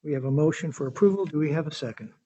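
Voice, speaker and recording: A man chairing a formal board meeting, running procedure in a measured way. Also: on the high side, warm tone, husky, dull audio.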